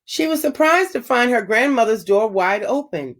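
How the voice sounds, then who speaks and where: A woman reading a children's storybook aloud in a clear, measured, expressive way. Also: fairly high pitch.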